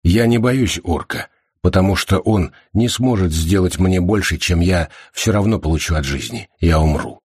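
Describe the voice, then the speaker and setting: A man reading the lines of a calm, firm, reassuring young man with a steady, measured manner and a very low, husky voice. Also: no echo, studio quality.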